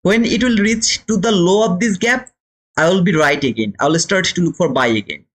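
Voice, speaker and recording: In a high-pitched voice at a moderate pace, a Bangladeshi-accented trading teacher hosts a livestream and gives a live lesson. He addresses viewers directly and emphatically in instructional commentary, with repeated phrases and rhetorical questions.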